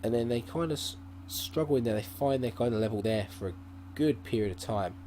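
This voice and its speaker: This gaming-channel host is a man whose mid-range voice sounds dark and moves briskly. Seated at his laptop with a desk microphone, he gives loose let's-play commentary, thinking out loud and full of fillers and false starts, while the machine hums softly behind him.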